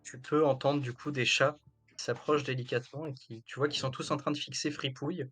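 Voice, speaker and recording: A man's voice: medium pitch, fairly even intonation, a little fast, a bit bright, slightly rough, soft background music. A man narrating a tabletop role-playing game as game master, describing scenes to the players.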